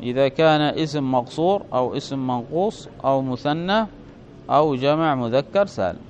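A man teaching a classroom grammar lesson, explaining step by step and often checking with his students, drawing out his example words slowly. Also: medium pitch, a little mellow, a little hiss or hum. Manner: slows and stretches example words. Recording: dull lo-fi classroom recording.

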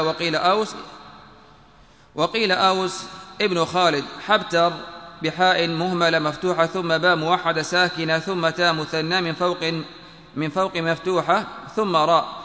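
Bright-voiced man reading in an echoey hall. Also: on the high side. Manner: measured, pedantic spelling out of vowels, repeats phrases when correcting. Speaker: teacher reading a text aloud. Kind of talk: classical text reading with commentary. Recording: echoey room with long reverb.

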